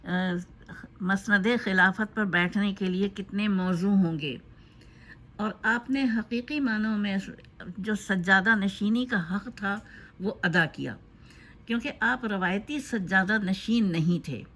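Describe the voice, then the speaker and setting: A woman giving a spoken tribute in a loose, unscripted way, pausing often with fillers. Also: mid-range voice, a bit bright. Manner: hesitant, with frequent filler pauses. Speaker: narrator of a tribute video.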